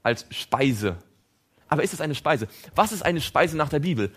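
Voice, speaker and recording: A man delivers a sermon in an animated way, often asking his listeners questions. His voice sits a little high and swings widely in pitch. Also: normal speed, slightly rough. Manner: animated, asks audience questions. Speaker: preacher.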